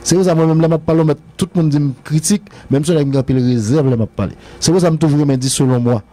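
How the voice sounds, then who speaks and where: A man's voice: a little high, fast talker, dark tone. A man with a Haitian accent rambling through a casual radio-show debate about music, repeating his phrases and laughing often. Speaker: music commentator.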